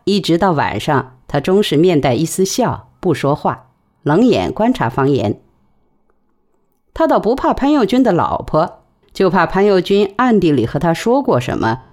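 A woman narrating a novel in an expressive storytelling manner. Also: lowish voice, normal speed. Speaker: audiobook narrator. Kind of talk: novel reading.

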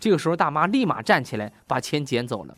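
A man's voice: on the high side, sing-song, fast, a bit bright, no room sound, soft background music. A man hosts a comic radio show, reading jokes and laughing at his own punchlines. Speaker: radio host.

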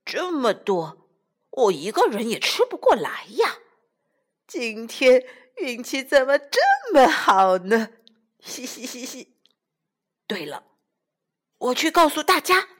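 A woman voicing a greedy, forgetful male grey wolf in a children's storybook, with a hushed, whispery manner. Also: high voice, very animated, slow pace, pauses often, full character voice. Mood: musing.

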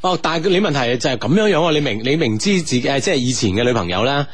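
A male co-host with a husky, mid-pitched voice and very lively intonation. He banters casually in Cantonese, commenting and summing up in colloquial phrases. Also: racing, no room sound. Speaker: radio co-host. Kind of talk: casual advice-show banter.

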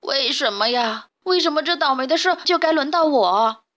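A woman's voice: high-pitched, lively intonation, moderate pace, a bit bright, pitched above the performer's own voice. A woman voicing a timid little sheep in a storybook, whining and tearful.

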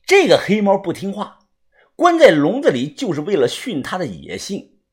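A man narrating a first-person audiobook story in a lively, swinging storyteller manner. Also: high voice, normal speed, breathy edge.

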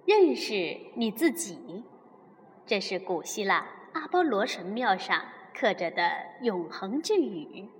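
A woman hosting a bedtime story show and reading a children's story aloud, warm and expressive. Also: medium pitch, takes it slowly, a little hiss or hum. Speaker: storyteller host. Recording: long reverb.

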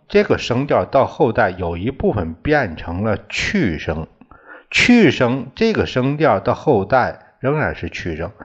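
A man teaching a class in a slow, deliberate way, often restating his terms. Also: on the low side, husky. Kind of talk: lecture on classical poetry tones. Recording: dull lo-fi recording.

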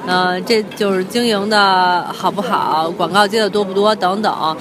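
A woman's voice: mid-range voice, steady tone, moderate pace, a crowd in the background. A young woman with a Beijing accent talking casually as a podcast co-host. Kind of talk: casual chat.

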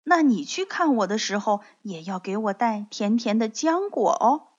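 A woman voicing a polite, curious little city mouse that sounds gently pleased. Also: a little high, sing-song, normal speed. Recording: dull lo-fi recording.

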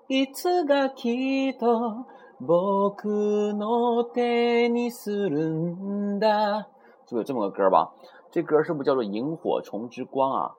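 A man gives a casual, chatty beginner Japanese lesson. His pitch moves a lot, and he keeps dropping in little tag questions. A faint hiss of noise sits under the recording. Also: dull audio. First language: Chinese. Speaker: Japanese teacher.

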